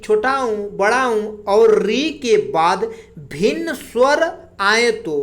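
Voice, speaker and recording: A woman teacher explaining grammar slowly for exam preparation, drawing out single sounds as she goes. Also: a little high. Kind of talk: exam-prep grammar lesson.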